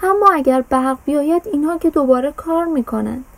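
An eager young boy from a children's storybook, as a woman narrator puts him on. His voice sits high and rings out loud and keen, with a soft husky edge. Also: no room sound, close to an everyday voice, poor audio.

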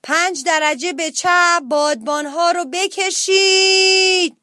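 A woman's voice: a little high, very animated, no echo, clean studio sound. Woman playing a bossy storybook ship captain. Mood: commanding. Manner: commanding, slow barked orders.

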